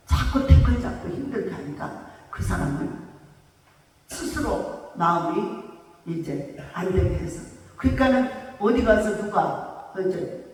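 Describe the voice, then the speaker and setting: An older woman pastor preaching a sermon, emphatic and conversational, at times rising to shouts and drawing call-and-response from her congregation. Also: a little high. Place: church sanctuary. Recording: echoey church hall, voice from far off.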